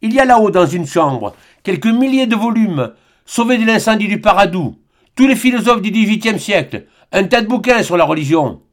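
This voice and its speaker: A man voicing a scornful old atheist of about eighty who talks roughly and mockingly. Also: sits high, animated, moderate pace, voice pushed up.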